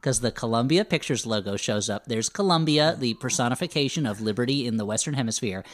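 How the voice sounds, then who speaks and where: A man's voice: medium pitch, lively intonation, quick pace. A man hosting a comedy podcast, recapping a movie with wry, jokey asides. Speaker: podcast host.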